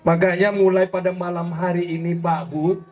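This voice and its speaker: A man preaching an impassioned sermon, rousing and often shouting as he addresses his listeners directly. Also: high-pitched, level tone, moderate pace. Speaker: preacher and legal consultant. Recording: dull lo-fi recording.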